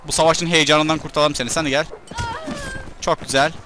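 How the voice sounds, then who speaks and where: A man doing casual let's-play commentary with a Turkish accent, excitable and shouting at enemies during battles. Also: on the high side, fairly quick, a little hiss or hum. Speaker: gaming YouTuber.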